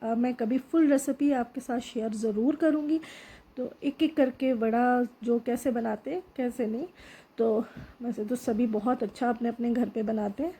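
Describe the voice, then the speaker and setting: A middle-aged woman chatting homely and unhurried while narrating her home cooking vlog in a kitchen. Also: fairly high pitch, fairly even intonation, mellow, breathy edge. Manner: chatty, homely, with filler pauses. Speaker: home cooking channel host.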